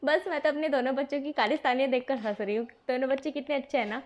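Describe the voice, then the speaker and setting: A woman's voice: high-pitched, fairly even intonation, rapid-fire, dull audio, natural voice. A woman voicing a cheerful, affectionate middle-aged mother who speaks fondly and reassuringly in a storybook reading. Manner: fond, reassuring.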